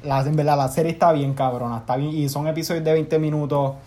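A young man with a Puerto Rican accent hosting a casual podcast, relaxed and slangy as he recommends music and shows. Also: a little high, fast. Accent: Puerto Rican Spanish. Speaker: podcast host. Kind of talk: casual chat. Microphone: remote call mic.

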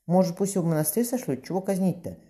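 A man's voice: lively intonation, rapid-fire, mellow. Man voicing a timid young tsaritsa. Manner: hesitant, pitched up.

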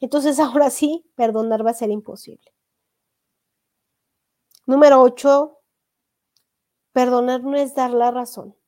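A woman's voice: high-pitched, steady tone, a little slow, pauses often, mellow. A woman giving a motivational talk, speaking earnestly and asking listeners direct questions.

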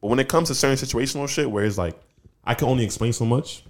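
A man in his twenties co-hosting a podcast, talking loosely and laughing often, rising high when he jokes. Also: fast. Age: 20s. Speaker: podcast co-host. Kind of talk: casual chat.

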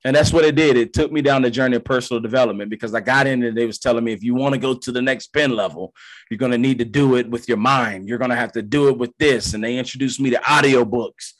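Animated man telling a slangy story. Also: mid-range voice, fast. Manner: animated, slangy, acts out voices in his stories. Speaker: guest, former pro baseball player. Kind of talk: casual storytelling.

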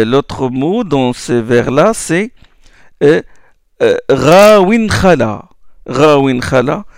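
A man teaching pronunciation in a slow, patient spoken lesson, repeating each sound for listeners to copy. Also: mid-range voice, gravelly, no echo, studio quality. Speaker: Quran recitation teacher.

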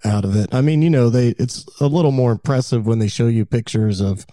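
Mellow-voiced man with wry jokes. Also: mid-range voice, no room sound, clean studio sound. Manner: wry, joking, quick interjections. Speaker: podcast co-host. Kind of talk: casual chat.

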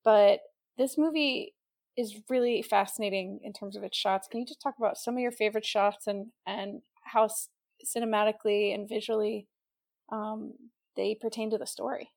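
A woman's voice: mid-range voice, steady tone, normal speed, vocal fry, a little mellow, no room sound. A woman hosting a casual podcast, asking questions eagerly and restarting her sentences often. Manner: enthusiastic, asks questions, restarts. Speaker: podcast host.

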